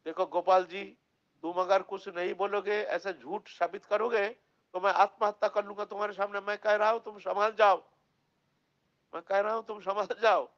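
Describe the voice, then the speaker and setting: A man's voice: sits high, a little fast, gravelly, lo-fi sound. A man playing a desperate young brahmin. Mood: pleading. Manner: pleading, then threatening and scolding.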